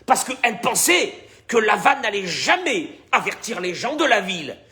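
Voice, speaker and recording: A man's voice: high voice, normal speed. A man, a rabbi teaching the weekly portion, who acts out dialogue and keeps asking his listeners questions. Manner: animated, dramatizes dialogue, repeats words, questions the audience. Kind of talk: Torah class.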